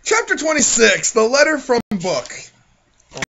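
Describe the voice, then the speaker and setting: His very high-pitched voice swoops wildly, gravelly but fairly bright, and he takes his time. A self-mocking podcast host, he giggles and swears his way through the fan fiction he wrote as a kid, bantering casually, in a muffled, noisy home recording.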